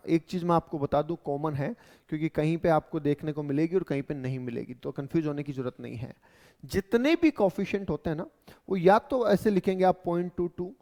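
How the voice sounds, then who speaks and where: A man's voice: on the high side, a little mellow, in a large hall. A male teacher giving a classroom lecture, explaining step by step and checking in with "right" and "okay".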